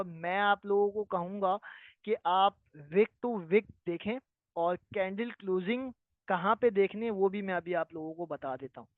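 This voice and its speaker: In this live online trading class, a man whose voice sits high takes viewer questions, explaining with patience and frequently making sure his audience keeps up. The sound is tinny and phone-like, with no echo.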